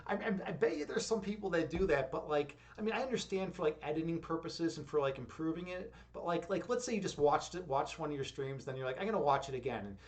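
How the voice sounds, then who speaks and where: A young man hosting a relaxed live stream, reading chat aloud and rambling with lots of fillers and easy chuckles. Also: fairly high pitch, quick pace, hardly any pauses. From Chicago. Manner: rambling, many "like" and "you know" fillers, chuckling. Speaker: streamer host.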